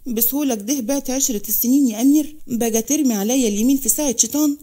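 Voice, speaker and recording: A desperate rejected wife with an Egyptian accent pleads in a wounded tone, as a woman narrator reads her. The voice is slightly high and mellow, a quick storybook read. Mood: pleading.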